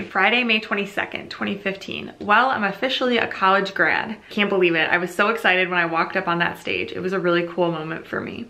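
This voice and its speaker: A woman's voice: lowish voice, pushed and bright. A woman in her late twenties chatting casually and earnestly to camera as a vlogger, sometimes reading aloud. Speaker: YouTube vlogger. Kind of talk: casual chat to camera, reading old journal entries. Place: small furnished room at home.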